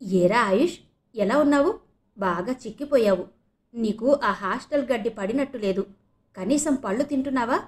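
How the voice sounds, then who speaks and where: A woman voicing an outraged middle-aged mother in an audio novel reading, shrill and dramatic. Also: moderate pace, natural voice. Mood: fond. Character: furious middle-aged mother shouting at her husband.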